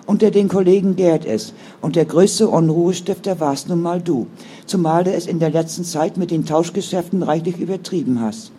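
A man's voice: a little high, moderate pace, warm tone, slight background noise, close to an everyday voice. A man voicing a firm, caring older sister who speaks in an earnest, sometimes stern way. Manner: stern then soothing, earnest.

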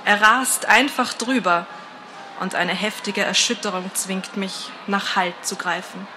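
Woman narrator, story reading, slow, bright, calm. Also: medium pitch, soft background music, rough recording. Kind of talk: scripted first-person story narration.

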